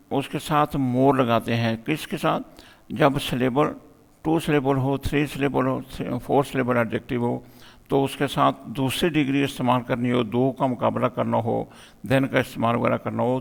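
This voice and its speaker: A man's voice: mid-range voice, vocal fry, long reverb tail. A man teaching a grammar lesson, explaining step by step and asking questions he then answers.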